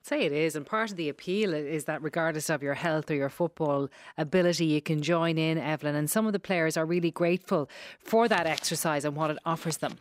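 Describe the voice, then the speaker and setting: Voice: medium pitch, a little fast. A radio presenter handing over to a reporter in a friendly way. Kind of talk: studio presenting.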